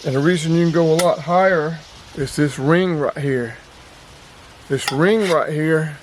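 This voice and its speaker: The audio is poor, and the ambient noise in the background is clear. A North Carolina outdoors and radio hobby vlogger speaks a little slowly in a slightly high voice, giving a casual, plainspoken outdoor demonstration with emphatic repetition.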